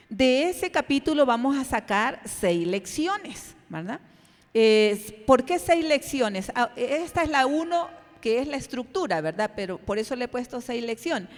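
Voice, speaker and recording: A middle-aged woman teaches a church Bible study, halting and repeating words and often tagging her sentences with a question. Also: on the high side. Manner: halting, repeats words, constant "¿verdad?" tag. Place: church hall. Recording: reverberant church hall.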